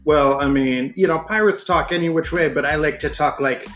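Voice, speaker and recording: A man's voice: a little high, moderate pace, a bit bright, echoey room, faint music behind. Dry-joking male podcast co-host. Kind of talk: casual chat.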